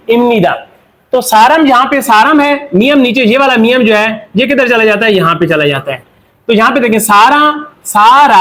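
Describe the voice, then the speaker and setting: A very high-pitched man with a Pakistani Urdu accent explains Korean pronunciation in a classroom lesson. He poses questions and answers them himself, slowing down to spell out example words.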